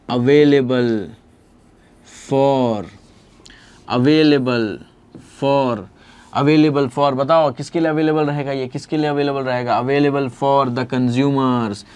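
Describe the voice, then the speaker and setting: A man's voice: mid-range voice, a little mellow, clean tone. A man teaching a biology lesson online in a playful, storytelling way, calling his students "beta".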